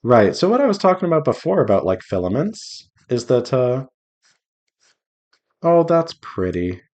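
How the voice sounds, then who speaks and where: This visual novel developer chats away playfully and casually to himself and his viewers while drawing on stream, rambling along in an indie game devlog. His mid-range voice has a sing-song lilt and a darkish tone, and he speaks at a normal speed.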